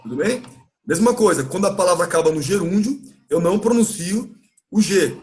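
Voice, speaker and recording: A man with a Brazilian Portuguese accent teaching English in a live class, explaining patiently and repeating words slowly to model pronunciation. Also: high-pitched, lively intonation, a little mellow. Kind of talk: live online class recap.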